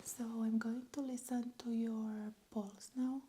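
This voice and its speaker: Woman, soft whispery ASMR exam voice, slow and mellow, faint hiss behind. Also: a little high, little pitch movement. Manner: slow, gentle and reassuring. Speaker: ASMR roleplay nurse. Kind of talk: ASMR medical exam roleplay.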